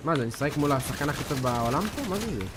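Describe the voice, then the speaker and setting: A man's voice: medium pitch, lively intonation, heavy background noise. An eighteen-year-old man from Israel streaming a game live, boasting and trash-talking to his chat in a hyped, slangy way. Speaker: gaming streamer.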